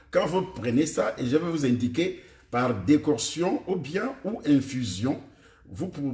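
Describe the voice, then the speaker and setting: Speaking in a mid-range, slightly mellow voice, a preacher whose first language is Ewondo and who carries a Cameroonian French accent lectures his flock on food and health. He goes over things repeatedly and asks the listeners direct questions, with the room audibly echoing.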